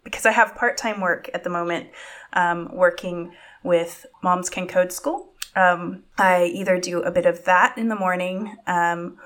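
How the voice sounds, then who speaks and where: Low-voiced woman chatting on a podcast. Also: measured pace. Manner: relaxed, uses many fillers. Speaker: podcast co-host. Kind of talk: casual podcast chat.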